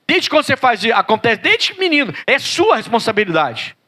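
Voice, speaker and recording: A man's voice: very high-pitched, big pitch swings, normal speed, pushed and bright. A male pastor with a Brazilian Portuguese accent preaching a sermon, dramatically acting out the voices of biblical figures and rising to pleading cries.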